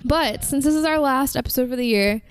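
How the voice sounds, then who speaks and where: A woman co-hosting a music podcast in casual chat, chatty and enthusiastic, slightly hoarse from talking. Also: high voice, brisk, no echo. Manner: chatty, filler-heavy, enthusiastic about bands. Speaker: podcast co-host.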